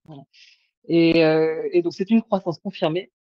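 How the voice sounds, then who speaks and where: A woman's voice: deep voice, steady tone, moderate pace, no room sound. A woman presenting a webinar over a video call, hesitant, with many fillers and restarts. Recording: dull lo-fi call audio.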